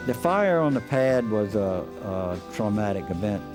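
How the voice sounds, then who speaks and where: A man's voice: fairly low pitch, very animated, measured pace, music in the background. An older man, a space program veteran, speaking frankly and soberly in a documentary interview.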